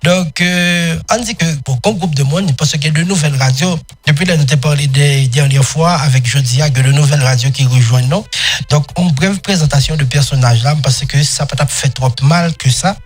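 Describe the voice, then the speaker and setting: A man's voice: on the high side, normal speed, husky. A man hosting a radio show, greeting his guest and mixing Creole words into his French. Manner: warm welcoming, mixes in Creole words. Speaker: host. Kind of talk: casual radio interview. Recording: faint music in the background.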